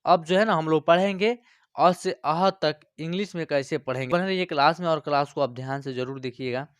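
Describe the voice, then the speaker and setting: A man's voice: fairly high pitch, brisk, clear, resonant tone, dry recording, clean studio sound. Raised-voice male teacher explaining patiently. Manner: explains step by step, often checks understanding. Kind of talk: online class lesson.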